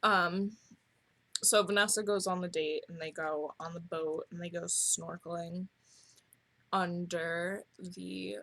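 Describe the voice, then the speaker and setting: A woman's voice: fairly low pitch, fairly even intonation, takes it slowly, vocal fry, fairly bright tone. A young woman co-hosting a casual chat, rambling and self-deprecating as she recaps. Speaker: co-host.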